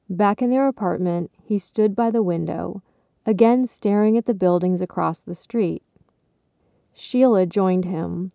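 A woman narrating her own written story in a slow, measured way. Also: lowish voice, creaky, no room sound. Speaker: author and storyteller. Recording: slightly dull recording.

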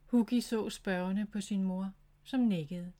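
A woman narrates a children's storybook in a gentle, clear reading voice. Her pitch sits in an ordinary middle range.

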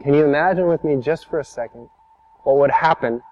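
A man's voice: on the high side, a little fast, lo-fi sound. A man preaching a sermon as a pastor, telling stories in a conversational, emphatic way.

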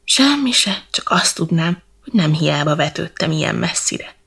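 Youngest prince, earnest and brave, husky and gravelly, read by a woman. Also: sits low, level tone, exaggerated voice.

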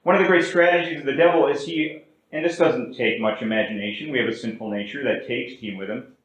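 A man preaching a sermon as pastor, with big swings in pitch and volume and slow, drawn-out words for emphasis. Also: a bit bright, very echoey, rough recording. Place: church sanctuary.

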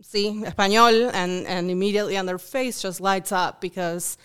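Speaking English with a Uruguayan Spanish accent, this podcast guest, a Spanish-speaking food bank volunteer from Uruguay, answers interview questions thoughtfully, often saying um and starting over. Her mid-range voice is clear, resonant and fairly bright, with fairly even intonation at a normal speed.

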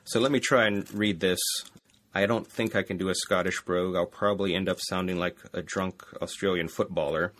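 Deep-voiced man explaining classics. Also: steady tone, a little fast, slight background noise. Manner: explanatory, trailing off quietly at phrase ends. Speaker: classics scholar. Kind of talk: conversational interview.

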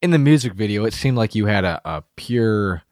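Low-voiced man hosting a casual podcast. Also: lively intonation, fairly quick, darkish tone, no room sound, studio quality. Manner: loose, filler-heavy questions. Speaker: podcast host. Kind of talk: casual interview chat.

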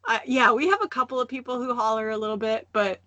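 A woman in her thirties hosting a casual faith podcast, telling stories in an animated way and acting out voices. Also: fairly high pitch, fast, dry recording. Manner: animated storytelling, acts out voices and laughs often. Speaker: podcast host.

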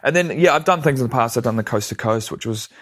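A man's voice: mid-range voice, animated, fast talker, a bit bright. A man with a New Zealand accent, chatting casually in an easygoing, hesitant way as an interview guest. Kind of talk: casual conversation.

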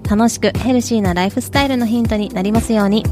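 A woman's voice: fairly high pitch, fast talker, over loud music. A young adult woman hosting a podcast in a friendly, chatty way, with many fillers. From Japan. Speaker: podcast host. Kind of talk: casual podcast monologue.

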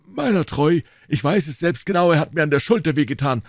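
Man putting on a noble musketeer, dignified and gracious, lively pitch, dry recording. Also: a little fast, no echo.

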